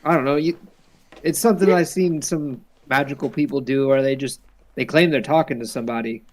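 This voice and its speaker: A man's voice: mid-range voice, fairly quick. A man playing in a tabletop game, talking casually and hesitantly with stammered restarts. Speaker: player.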